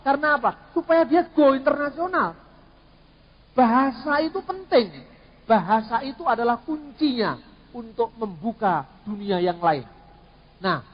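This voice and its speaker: A middle-aged man with a fairly high voice, teaching theology in a lively, joking way. His words carry the long echo of a hall, and the recording sounds a little dull. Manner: animated, jokey, mixes in Javanese words. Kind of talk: lively teaching talk with humor.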